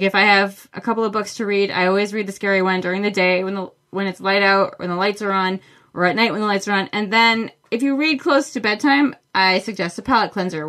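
A woman's voice: medium pitch, brisk, a bit bright. A woman hosting a book podcast, chatting casually and enthusiastically as she answers listener questions. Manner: chatty and enthusiastic, with many fillers. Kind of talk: casual solo podcast talk.

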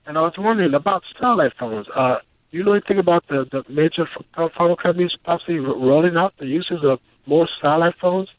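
A man calling in to a radio talk show over the phone, asking his question haltingly with many fillers. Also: fairly high pitch, no echo. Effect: phone line. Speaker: caller. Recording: tinny phone line.

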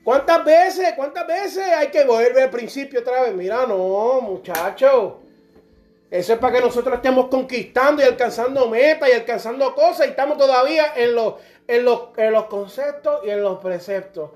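A man's voice: very high-pitched, moderate pace, darkish tone, faint music behind. A middle-aged man preaching a sermon, fervent and direct, now and then acting out churchgoers in dialogue. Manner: impassioned, acts out church members in dialogue.

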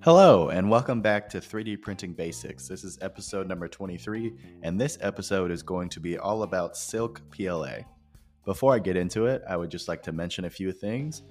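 A man's voice: low voice, a little fast, darkish tone. A man hosting an informal scripted podcast, explaining things directly to listeners, his voice echoing in a bare, unfurnished office. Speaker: podcast host. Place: new empty office without furniture. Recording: echoey empty office, music behind.

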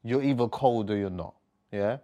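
British man interviewing, low-pitched voice. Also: moderate pace, mellow, muffled recording. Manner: slangy, informal. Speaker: interviewer hosting a conversation with artists. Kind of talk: casual conversational interview.

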